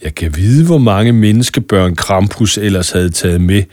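A man's voice: lowish voice, a little mellow, no room sound, clean studio sound, natural voice. A man voicing a haughty, affected queen of the beasts in a storybook reading. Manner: affected, mocking.

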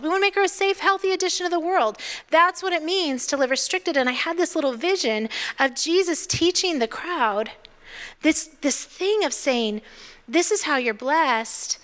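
A woman in her fifties preaching a sermon, expressive and playful, dropping to a hush for emphasis. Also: high-pitched. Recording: long hall reverb.

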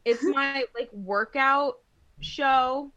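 A woman hosting a podcast in casual chat, blunt and quick to swear and laugh. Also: sits high, bright, forceful tone, dull audio. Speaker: podcast host.

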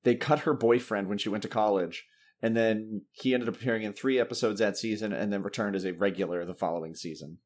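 A man hosting a podcast in casual chat, animated, laughing often and swearing freely. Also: fairly low pitch, fast. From Massachusetts. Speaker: podcast host.

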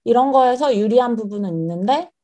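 A woman's voice: on the high side, animated, a little fast, mellow. A young adult woman from South Korea answering as a guest in a casual interview, explaining things in a reflective way.

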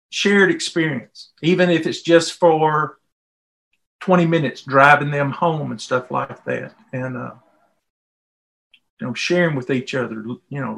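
With vocal fry and a pushed, bright quality to his medium-pitched voice, a middle-aged Southern US man takes part as a volunteer interview guest. His personal stories unfold in a folksy, conversational way.

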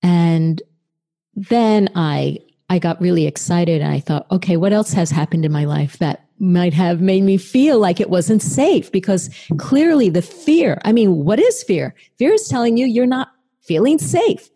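A woman's voice: fairly low pitch, expressive, a little slow, mellow. A woman telling a personal story in a conversational way, with many fillers. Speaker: speaker sharing a personal story. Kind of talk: storytelling talk.

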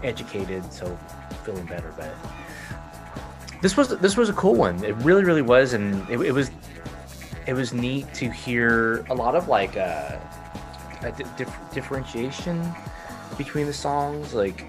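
A man's voice: mid-range voice, big pitch swings, measured pace, long pauses, over music. A man with a Texan accent, co-hosting a casual podcast chat and rambling with lots of fillers and restarts. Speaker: podcast co-host.

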